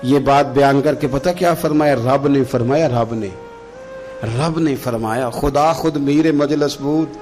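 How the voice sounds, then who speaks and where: A man preaching an emotive sermon, swinging between loud exclamations and soft, slow Quranic recitation. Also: medium pitch, faint music behind.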